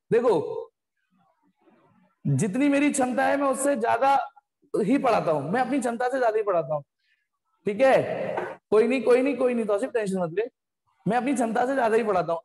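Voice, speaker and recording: A man's voice: very high voice, darkish tone. A man teaching a physics class online, explaining step by step and breaking off to scold students bluntly. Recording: echoey room with long reverb.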